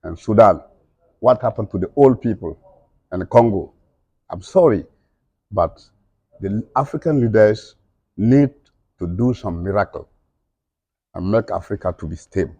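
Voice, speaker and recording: A man's voice: lowish voice, lively intonation, unhurried, pauses often, mellow, husky, dry recording. A middle-aged man speaking emphatically in broken, non-native English, repeating his points as an interviewee. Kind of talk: impassioned conversational speech.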